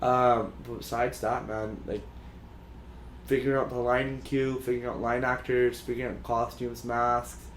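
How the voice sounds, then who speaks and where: A man's voice: medium pitch, little pitch movement, normal speed, a little hiss or hum. A man co-hosting a podcast, chatting casually in a rambling way with lots of fillers and restarts. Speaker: podcast co-host. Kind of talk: casual chat. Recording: echoey room.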